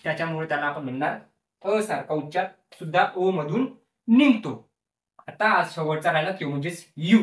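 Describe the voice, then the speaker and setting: A man's voice: fairly high pitch, lively intonation, normal speed. A male teacher explaining a lesson, repeating each word several times and asking the class questions that he then answers himself. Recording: echoey room, voice from a distance.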